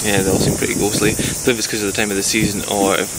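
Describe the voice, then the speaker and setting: A man's voice: lowish voice, rapid-fire, heavy background noise. A young man, chatting casually on a travel vlog from inside a car, loose and laughing. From Scotland. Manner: relaxed, laughing, loose fillers. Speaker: vlogger. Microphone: camera held at arm's length.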